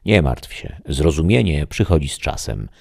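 A man voicing a calm, all-knowing disembodied voice in an audiobook fairy tale, speaking slowly and solemnly, husky with vocal fry. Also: very deep voice, heavily acted.

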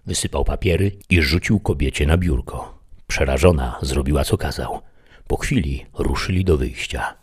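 A man narrating a dramatic audiobook story with an expressive, tense delivery. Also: extremely low pitch, normal speed, slightly rough.

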